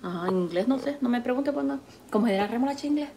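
Racing along with animated energy, this Salvadoran-accented woman in her middle years chats with her live audience as she serves up food, showering them with endearments. Her fairly high voice is mellow with vocal fry, and the room is echoey with faint noise.

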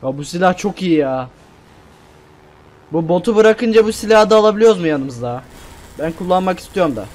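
A young gameplay streamer offers casual, self-mocking let's-play commentary, repeating words when he panics. His high voice has lively intonation and a slightly mellow quality, running a little fast but broken by long pauses.

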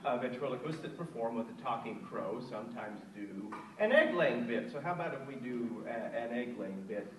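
A man's voice: medium pitch, animated, fairly quick, a bit bright, a little hiss or hum. A middle-aged man ventriloquist playing the earnest straight man in a stage comedy act, stammering as he restarts. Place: small theater stage. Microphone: stand mic from a far camera. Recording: echoey room from far off.

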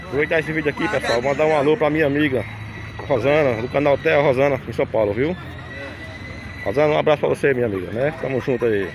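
Vlogging outdoors at a livestock fair, a man with a Northeastern Brazilian accent chats casually and fast in a medium-pitched voice, scattering tag questions through his commentary. He records on a handheld phone from behind the camera, with a busy crowd and background noise audible.

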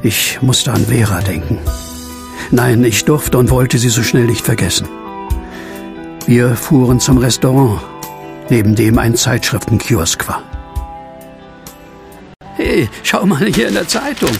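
In a German audio drama, a man acts as both narrator and lead, telling the story in the first person over background music. His mid-range voice is earnest and gravelly, and his tone is urgent and excited as he plays a brooding widower haunted by a werewolf.

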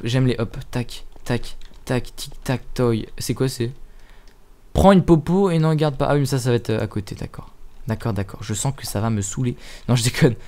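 A young man from France giving casual, self-mocking let's-play commentary over a headset mic, thinking out loud and swearing as he plays. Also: mid-range voice. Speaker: gaming youtuber.

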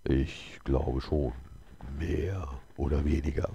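A man voicing a calm, mysterious male stranger in a read-aloud story, speaking slowly and flatly. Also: a bass voice, creaky, slightly rough, dry recording, highs cut off, full character voice.

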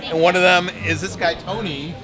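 A man co-hosting a travel vlog, explaining things in a relaxed way with light humor. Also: sits high, moderate pace, music in the background. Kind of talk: casual chat and voice-over narration.

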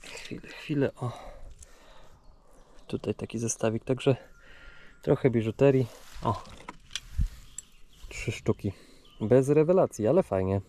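A man's voice: medium pitch, darkish tone, a little hiss or hum. A man vlogging in a casual, chatty way, thinking aloud as he shows what he finds. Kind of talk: casual vlog narration.

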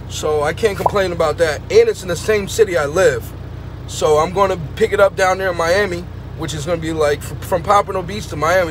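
A truck driver in his thirties, fairly high-pitched, vlogs casually into a phone held at arm's length, chatty and exasperated and calling everyone bro. He films outdoors at farms and loading docks and inside his truck cab, with background noise.

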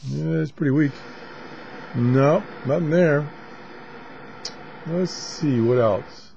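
A man with a relaxed, mellow voice gives off-the-cuff commentary in short, unhurried phrases, as a hobbyist would at his radio desk. The camera audio is slightly dull, with clear shortwave static behind him. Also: a little high. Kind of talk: casual off-the-cuff demonstration commentary. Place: small indoor radio desk.

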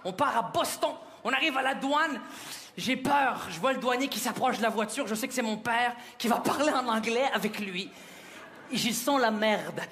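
A man from Quebec with a Québécois French accent, doing animated stand-up comedy with exaggerated storytelling. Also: extremely high pitch, moderate pace. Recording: noisy live stage recording.

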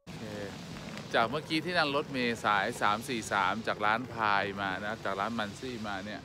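A man's voice: medium pitch, fairly quick. A man in his late thirties chatting as he films his travels outdoors by a river, adding little facts and jokes as he goes. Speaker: travel vlogger. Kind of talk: casual travel chat. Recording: loud music over outdoor sound. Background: loud music.

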